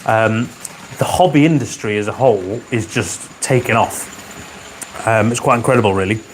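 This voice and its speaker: A man's voice: fairly low pitch, normal speed, slight background noise, poor audio. Man hosting a casual livestream. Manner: chatty, reads out viewer comments with dry humor. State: keeps clearing his throat. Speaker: livestream host. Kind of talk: casual live chat. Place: home garage with a model railway layout. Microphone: wearing a microphone.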